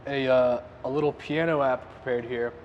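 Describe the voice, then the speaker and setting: A man's voice: medium pitch, fairly even intonation, moderate pace, lo-fi sound, a little hiss or hum. A young adult man hosting a casual interview in a restaurant, upbeat with lots of filler words. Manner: upbeat, filler-heavy, says like a lot. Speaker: host. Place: restaurant, indoors.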